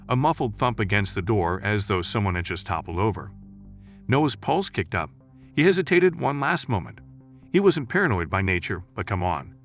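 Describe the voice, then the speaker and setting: A man's voice: fairly low pitch, fairly bright tone. A man narrating a scripted sci-fi story in a dramatic, vivid way.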